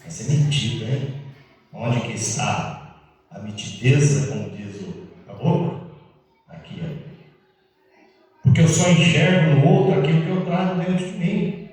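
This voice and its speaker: A man's voice: on the high side, a little slow, long pauses, darkish tone. A middle-aged man with a Brazilian Portuguese accent, giving a conversational talk at a spiritist center and often asking his listeners questions. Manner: conversational, asks the audience questions with frequent "né?". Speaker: spiritist speaker. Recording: echoey hall, voice far from the mic.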